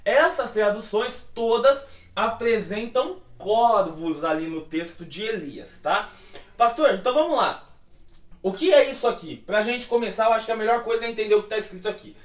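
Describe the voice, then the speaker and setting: High-voiced Brazilian pastor teaching. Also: male voice, animated, normal speed, far from the mic. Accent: Brazilian Portuguese. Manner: explanatory, asks and answers his own questions; frequent checking tags like "tá?". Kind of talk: Bible teaching lesson. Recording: echoey room, voice off-mic.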